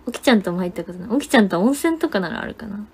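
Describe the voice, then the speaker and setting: A young woman telling a story in casual livestream chat, animated and laughing often, with lots of fillers. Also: medium pitch, racing, husky. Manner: chatty, many fillers and gesturing words. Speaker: idol livestreamer.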